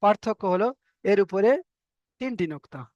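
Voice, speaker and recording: A man with a Bengali accent and a fairly high voice, teaching Arabic letters in a patient, step-by-step way. He repeats each letter name and stretches the vowels to show the right length. The sound is close and dry, with no room around it. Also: expressive, moderate pace, darkish tone, no room sound, highs cut off. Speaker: Quran reading teacher. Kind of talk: explanatory online lesson.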